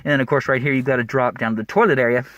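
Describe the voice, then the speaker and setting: A man's voice: medium pitch, fairly even intonation, fairly bright tone, no echo. A man, a plumbing contractor, giving a casual, rambling job-site walkthrough in a cramped attic, out of breath behind a mask. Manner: quick, rambling, with fillers and restarts.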